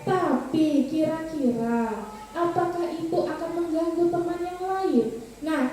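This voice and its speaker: A woman's voice: sits high, dark tone, distant mic. A woman teacher presenting to colleagues, telling classroom stories and addressing her listeners directly. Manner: storytelling, addresses listeners as "Bapak Ibu". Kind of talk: informal presentation with classroom anecdotes. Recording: very echoey room, voice from afar, faint noise.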